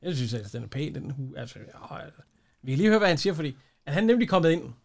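A man co-hosting a casual podcast, talking haltingly with many fillers and laughing often. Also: a little high, big pitch swings, gravelly, a little hiss or hum. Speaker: podcast co-host. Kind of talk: casual chat.

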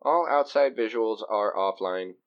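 A man voicing a calm male ship computer that gives terse, even status reports in an audio story. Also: on the low side, measured pace, clean tone, muffled recording, close to an everyday voice. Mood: calm, matter-of-fact. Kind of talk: audio drama reading.

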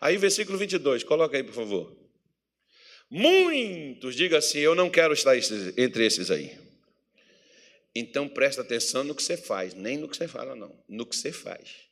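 A Brazilian man preaching a sermon with fervour, moving between loud calls to the congregation and quiet, close tones. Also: big pitch swings, moderate pace. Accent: Brazilian Portuguese. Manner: fervent, swings from loud exhortation to low intimate tones.

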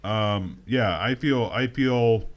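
A man playing an awkward, tipsy alien in improvised comedy chat, halting and rambling. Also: medium pitch, natural voice. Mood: musing.

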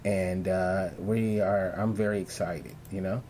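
A man's voice: sits low, measured pace, slight background noise. A man hosting an online talk show, chatting casually with lots of fillers and restarts. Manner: relaxed, rambling with many fillers. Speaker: podcast host. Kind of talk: casual interview chat.

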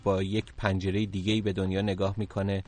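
A man's voice: deep voice, monotone, a little mellow, dry recording. A man from Isfahan giving conversational, explanatory commentary as a technology contributor on a talk show, with some hesitation as he thinks. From Isfahan, Iran.

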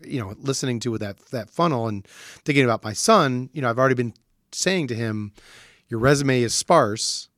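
A man on a video call thinks out loud, restarting sentences as he works toward his point. His voice sits at a middle pitch. The sound is dry, with no room around it. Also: lively intonation, fast, no room sound. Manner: reflective, thinks aloud with restarts. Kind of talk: casual conversation.

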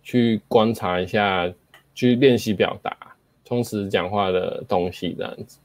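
Male host, lower pitch, dry close recording, casual explanatory delivery with spoken demos and fillers. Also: a little slow, dry recording. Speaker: host explaining speaking skills.

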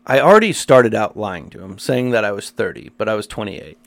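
A man's voice: fairly low pitch, expressive, a little fast, vocal fry, no room sound. A man of thirty telling stories in a casual podcast chat, swearing freely and poking fun at himself. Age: 30s. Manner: profane, storytelling, self-mocking. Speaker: podcast co-host.

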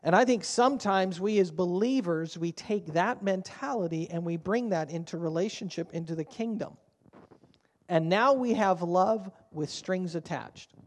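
A male pastor preaching into a pulpit microphone, his fairly high voice carrying through a church with a long, ringing reverb. He speaks earnestly and conversationally to the congregation from the front. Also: moderate pace. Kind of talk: sermon. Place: church sanctuary.

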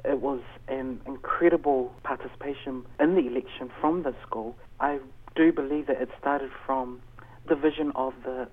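A man's voice: medium pitch, steady tone, normal speed. A man giving earnest, explanatory answers as a guest in a conversational interview. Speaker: interview guest, education facilitator. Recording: tinny narrow phone line.

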